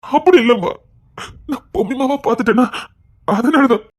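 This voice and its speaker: A man's voice: very high voice, expressive, moderate pace. A tearful grieving father. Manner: broken, lamenting speech. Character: grieving widowed father, lonely and guilt-ridden. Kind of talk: TV serial acting.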